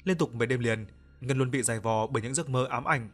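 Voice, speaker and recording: Giọng nam kể truyện ma, bình tĩnh, có nhạc nền khe khẽ. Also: male voice, mid-range voice. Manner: calm, slow and even reading. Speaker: storyteller. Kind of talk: scripted audio story narration. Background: soft background music.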